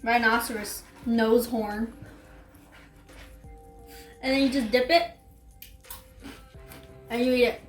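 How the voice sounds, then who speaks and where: Chatty young woman with a high voice. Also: steady tone, slow, pauses often, roomy sound, faint music behind. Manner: chatty, eats while talking. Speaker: vlogger. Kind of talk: casual snack-tasting vlog.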